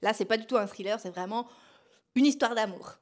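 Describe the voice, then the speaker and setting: High-voiced chatty young woman vlogger. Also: fairly quick. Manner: chatty, speaks directly to the viewer. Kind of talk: casual chat to camera.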